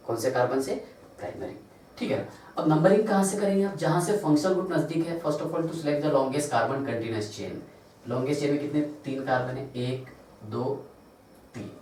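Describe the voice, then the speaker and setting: A man with an Indian Hindi accent teaching chemistry in a classroom lecture. He counts carbons aloud, spells out formulas slowly, and asks questions that he answers himself. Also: on the high side, a little mellow. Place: large classroom. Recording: echoey room, distant mic, faint noise.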